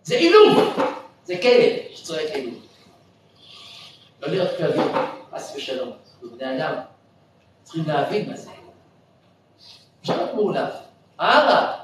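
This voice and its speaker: A man, a rabbi, telling a story in a lively, joking sermon in a synagogue, recorded from far off with heavy echo. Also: fairly high pitch, long pauses, background noise. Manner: animated, exclaiming, jokey. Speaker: rabbi giving a lecture. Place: synagogue hall. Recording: echoey hall from far off.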